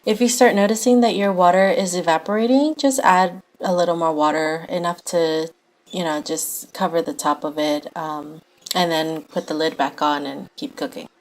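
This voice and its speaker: A woman's voice: on the low side, fairly even intonation, normal speed. A young woman giving an informal, conversational recipe voice-over as a home cook. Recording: faint background noise.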